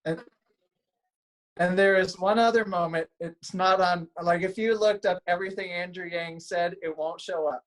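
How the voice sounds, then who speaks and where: A man's voice: high-pitched, steady tone, normal speed, a bit bright, low-quality recording. Man, pastor, casual interview, enthusiastic, rambling, laughs a lot.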